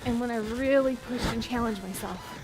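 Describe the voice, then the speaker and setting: A woman's voice: a little high, normal speed, noisy background. A young adult woman coaching a workout as an encouraging aerobics instructor, counting down and cheering people on outdoors. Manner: encouraging, motivational. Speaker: fitness instructor. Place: outdoor covered wooden deck by a pond. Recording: music behind the voice. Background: workout music.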